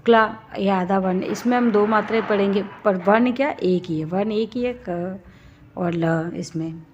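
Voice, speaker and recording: With a mid-range voice at a moderate pace, the Hindi teacher explains each grammar step in her classroom lesson and asks questions as she proceeds. Slight background noise sits under the dull, slightly lo-fi audio.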